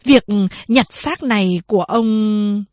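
A woman's voice: on the high side, slow, darkish tone, dry recording, clean studio sound. Woman voicing a meek village clerk. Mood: pleading. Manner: meek, pleading. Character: timid male village clerk.

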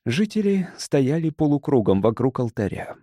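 A man's voice: medium pitch, big pitch swings, normal speed, warm tone, dry recording. A man narrating an adventure audiobook in a dramatic, tense storytelling manner, close to the mic. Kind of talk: scripted narration.

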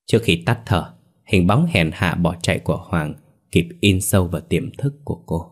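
Deep-voiced storyteller. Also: male voice, moderate pace, slightly rough. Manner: steady, dramatic storytelling. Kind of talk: ghost story narration.

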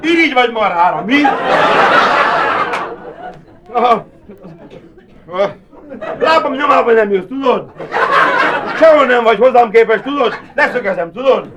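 A cabaret comedian performs a live monologue in a very high, animated voice, pausing often as a boastful, rambling male asylum inmate who keeps buttonholing his listener. The recording comes from a hissy old cassette of the show, with a loud crowd and big audience laughter.

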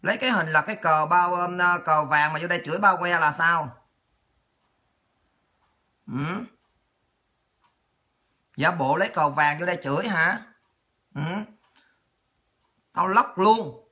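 A woman's voice: on the low side, measured pace, pauses often, sharp tone. A woman hosts a political livestream, scolding and mocking in a profane rant. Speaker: political talk show host.

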